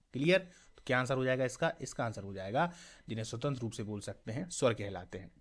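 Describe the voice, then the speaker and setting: A man teaching a mock exam class, reading each question and its options aloud, repeating them, asking viewers for the answer and often checking "clear?". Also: medium pitch, fairly bright tone. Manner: checks understanding with a frequent "clear?"; addresses viewers as friends.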